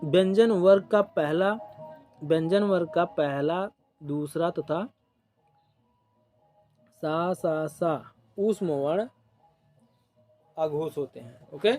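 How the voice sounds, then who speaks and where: A man's voice: on the high side, slow pace, long pauses, a little mellow, soft background music. A man teaching an exam coaching lesson who speaks. He repeats each definition and checks in with short "ok" and "theek" prompts.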